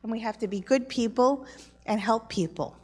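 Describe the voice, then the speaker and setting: A woman's voice: on the high side, normal speed, darkish tone. A woman talking informally to children like a Sunday school teacher, prompting them with simple questions. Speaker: children's message leader in church.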